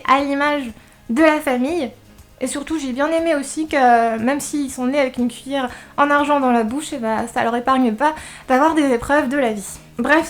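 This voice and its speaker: A woman talks casually as she reviews books for a vlog. Her s sounds carry a slight, slushy lisp. Music plays faintly behind her. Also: high-pitched. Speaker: book reviewer presenting recent reads. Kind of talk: casual scripted-outline vlog talk.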